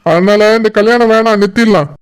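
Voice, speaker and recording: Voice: mid-range voice, fairly quick, background noise, lightly acted. A performer voicing a worried father of the bride in a cartoon, earnest and apologetic, with a Kanyakumari Tamil accent. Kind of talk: cartoon voice acting.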